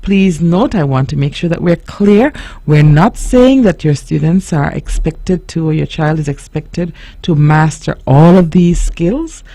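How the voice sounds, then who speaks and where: A woman radio host reading a children's story aloud and then talking about getting ready for school, in an unhurried, expressive storytelling manner. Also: low-pitched, poor audio. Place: radio studio.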